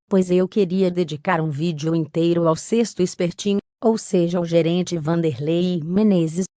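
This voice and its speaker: A computer-generated woman's voice with a robotic, text-to-speech sound, pitched fairly low. It reads a scripted case narration in an even, methodical way, and it sounds dry and close with no room around it. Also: no room sound. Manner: even, methodical reading of court documents.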